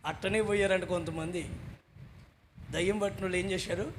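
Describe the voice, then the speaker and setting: A man with a Telugu accent delivers a sermon in a strikingly high voice. He speaks loudly and lifts his lines into shouts before dropping back down. A faint hiss of noise sits under the recording. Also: fairly even intonation, moderate pace. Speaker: pastor. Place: church stage.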